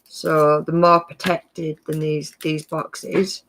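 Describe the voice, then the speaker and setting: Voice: mid-range voice, flat delivery, takes it slowly, fairly bright tone, poor audio. A craft live-streamer giving a casual tutorial, chatty and rambling, often correcting themselves while handing out friendly practical tips.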